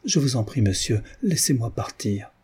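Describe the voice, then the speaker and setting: A man's voice: medium pitch, sing-song, normal speed, mellow, husky. A man voicing a flustered, anxious young woman in an audiobook, insisting nervously.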